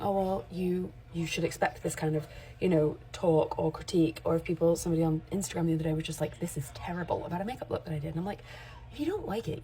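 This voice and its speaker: A woman's voice: lowish voice, dark tone, rough recording. A woman in her forties, a makeup artist, talking candidly and rambling a little in a casual vlog straight to camera. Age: 40s. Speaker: makeup artist and content creator.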